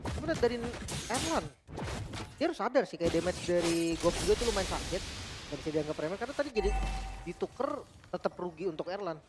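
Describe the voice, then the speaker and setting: A man's voice: sits high, lively intonation, fast, long pauses, over music. A man giving casual, analytical match commentary as an esports caster.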